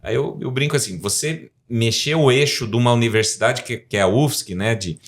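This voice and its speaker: Brazilian professor explaining at length. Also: male voice, medium pitch, moderate pace. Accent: Brazilian Portuguese. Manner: explanatory, rambling, frequent tag questions. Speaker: guest scientist and professor. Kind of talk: podcast interview.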